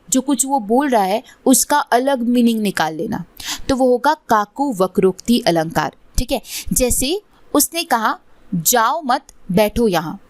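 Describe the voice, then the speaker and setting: Woman tutor, fairly high voice, dry close sound, explains exam questions and checks in often. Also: dry recording. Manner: mixes English words into Hindi, checks in with "theek hai". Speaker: exam prep teacher.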